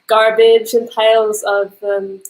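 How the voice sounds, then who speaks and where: A woman's voice: fairly high pitch, level tone, slow, poor audio. A woman from Sweden who speaks natively, chatting casually and hesitantly, with small reactions. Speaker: guest. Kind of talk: casual chat.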